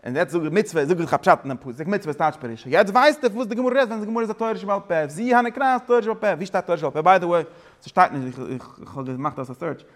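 A man teaching a religious study lesson, explaining in a rapid, rambling way and dropping English words into his talk. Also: sits high, animated.

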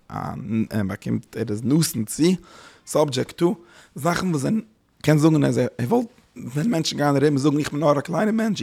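A man giving a spoken religious lecture as a teacher, halting and searching for words, often dropping in English terms. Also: medium pitch, creaky, a little mellow, breathy edge.

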